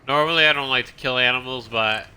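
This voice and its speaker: A man's voice: medium pitch, quick pace, sharp tone, clear, resonant tone. A man streaming a game, chatting casually and rambling as he plays, often stopping and restarting his sentences. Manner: rambling, self-interrupting, chatty. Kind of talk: casual gameplay commentary.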